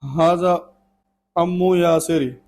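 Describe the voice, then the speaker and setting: A man's voice: on the high side, fairly even intonation, slow, darkish tone. Hesitant male student reading aloud. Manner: hesitant, short answers.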